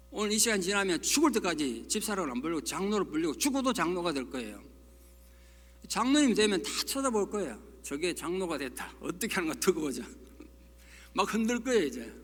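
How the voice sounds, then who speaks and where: Emphatic high-voiced pastor. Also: male voice, a bit bright. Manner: folksy and emphatic, with rhetorical questions. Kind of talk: sermon. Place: church sanctuary. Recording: long reverb of a church hall.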